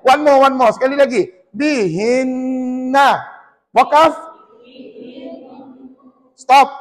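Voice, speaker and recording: A man with a Malaysian Malay accent teaching Quran recitation in a mosque class, drilling and correcting students in a lively, teasing way. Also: high-pitched, gravelly, husky, in a large hall.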